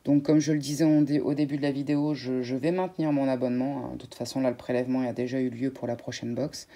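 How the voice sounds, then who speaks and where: A woman's voice: very deep voice, flat delivery, fast talker, mellow. A woman chatting casually to her viewers while unboxing beauty products, with frequent fillers and restarts. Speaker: beauty vlogger.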